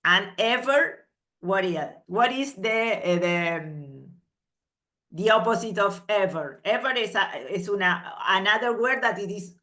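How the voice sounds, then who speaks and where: A woman teaching an English workshop, moving between explanations and carefully spoken English examples and checking in with a soft questioning "mm?" after each point. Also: medium pitch. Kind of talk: slow explanatory workshop lesson.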